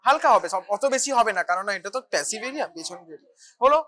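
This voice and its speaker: A clinical teacher giving a hands-on bedside demonstration, briskly instructing students step by step as they practise an examination. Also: medium pitch, animated, fairly bright tone. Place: hospital teaching ward.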